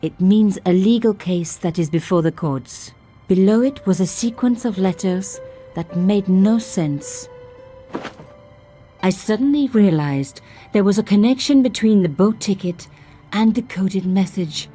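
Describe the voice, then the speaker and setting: A woman's voice: mid-range voice, a little slow, mellow, faint music behind, close to an everyday voice. An actress voicing a young woman journalist who narrates her sleuthing with dry, self-mocking asides. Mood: wry. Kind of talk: game voice-over narration.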